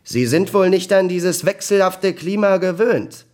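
A man voicing a grumpy, laid-back male detective who talks in a gruff, dry, bored way. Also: sits high, measured pace, a little mellow, pitched above the performer's own voice.

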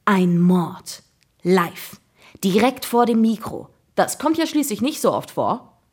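A woman voicing an excitable schoolboy who chatters eagerly. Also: a little high, quick pace, breathy edge, pitched above the performer's own voice. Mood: excited.

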